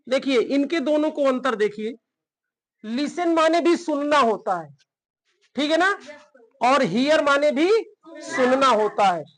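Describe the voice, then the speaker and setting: A man's voice: very high voice, fairly bright tone, poor audio. A man teaching English in Hindi, who asks his learners questions, answers them himself, and often checks in with "theek hai na". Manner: addresses learners as "beta". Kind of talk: spoken English lesson in Hindi.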